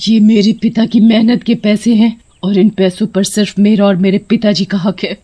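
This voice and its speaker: A woman's voice: mid-range voice, flat delivery, moderate pace, dark tone, natural voice. A woman voicing a furious, vengeful female witch spirit in a cartoon, snarling threats.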